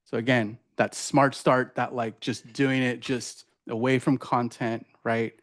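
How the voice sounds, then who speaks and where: A man's voice: medium pitch, little pitch movement, measured pace. A man presenting a teaching strategy at a workshop, in a casual, chatty way with many fillers and tag questions. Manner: casual, filler-heavy, says "right?" often. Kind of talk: conference workshop demo.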